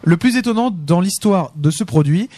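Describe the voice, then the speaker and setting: A man's voice: high-pitched, lively intonation, normal speed, dark tone, no room sound. Jokey French-speaking man reading tech news. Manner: reads news items with joking asides. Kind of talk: casual live tech news chat.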